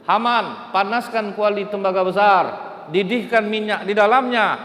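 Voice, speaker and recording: A man's voice: on the high side, steady tone, normal speed, pitched above the performer's own voice, close to an everyday voice. A man playing a cruel, arrogant tyrant king who barks orders in an echoey hall. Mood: cruel, commanding. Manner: commanding, shouting orders. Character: arrogant tyrant king Pharaoh, male, booming.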